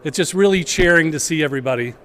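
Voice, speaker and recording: High-voiced man projecting to a gallery crowd. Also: quick pace, fairly bright tone. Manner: projecting to a room, hesitant with fillers. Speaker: college department chair giving remarks. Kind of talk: casual public remarks. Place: art gallery event, indoors.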